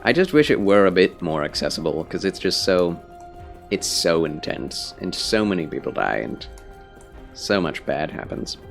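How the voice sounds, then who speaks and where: A man's voice: low-pitched, big pitch swings, normal speed, vocal fry, faint music behind. A man with a scratchy, phlegmy voice, tired and under the weather, chatting casually as he streams a game and talks to viewers in a rambling way. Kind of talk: casual livestream chat with game commentary.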